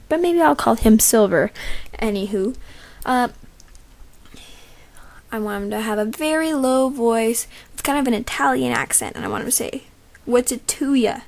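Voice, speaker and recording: A woman describes the roles she wants voiced in a loose, rambling way, padding her sentences with fillers. Her voice carries a gravelly, creaky edge. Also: on the high side, big pitch swings, fairly quick. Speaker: show creator holding voice auditions. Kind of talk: casual casting call.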